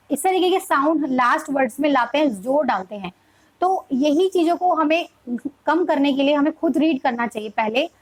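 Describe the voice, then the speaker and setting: High-voiced Indian teacher explaining reading steps. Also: female voice, rough recording. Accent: Indian English. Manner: explains step by step, slowly sounds out English sentences. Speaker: preschool teacher. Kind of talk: reading lesson for parents.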